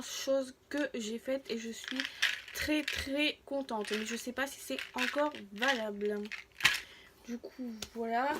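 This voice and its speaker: A woman vlogger shows off free samples she received in a casual, chatty video for her followers, rambling, interrupting herself and often trailing off. Her voice is fairly high-pitched, and there's heavy background noise.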